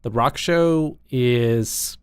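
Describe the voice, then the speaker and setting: A man co-hosting a gaming podcast, speaking in a relaxed, easygoing way. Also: mid-range voice, very slow, clear, resonant tone, no room sound, studio quality. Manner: easygoing, laughs often. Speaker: podcast co-host. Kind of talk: casual podcast chat.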